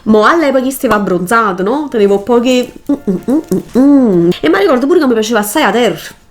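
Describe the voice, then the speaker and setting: A woman's voice: a little high, lively intonation, brisk. A woman with a Neapolitan Italian accent giving a casual, chatty makeup tutorial in dialect, colloquial and emphatic, often repeating herself for stress. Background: music.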